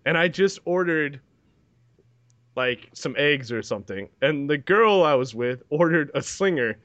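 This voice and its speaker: A man's voice: on the high side, animated, a little slow, a bit bright, dry recording, highs cut off. A man in his thirties co-hosting a casual podcast, joking and laughing as he tells stories. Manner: jokey, laughs often. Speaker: podcast co-host. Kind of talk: casual chat.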